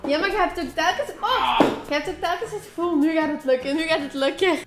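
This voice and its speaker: A woman's voice: extremely high pitch, fairly quick. A young woman, exclamatory, chatting casually as a livestream co-host. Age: young adult. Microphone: desk microphone. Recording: roomy sound with loud music.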